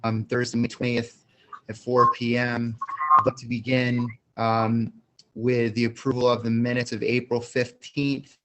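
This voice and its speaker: Guy chairing a meeting on a glitchy video call, choppy breaking-up audio, halting with ums, some faint noise. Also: mid-range voice, flat delivery, fairly bright tone, rough recording. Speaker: committee chair running the meeting. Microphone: computer on a video call.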